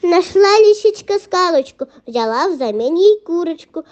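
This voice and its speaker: A young female reader as a very high, sly little fox. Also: expressive, unhurried, darkish tone. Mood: boastful sing-song. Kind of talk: children's folk tale reading. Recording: muffled lo-fi recording.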